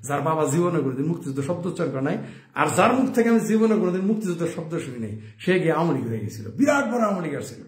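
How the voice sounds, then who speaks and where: A man's voice: a little high, very animated, rapid-fire. A man delivering an opinionated commentary monologue, firing off rhetorical questions. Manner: rhetorical questions, chuckles at own points. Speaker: political commentator. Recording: roomy, echoey room sound.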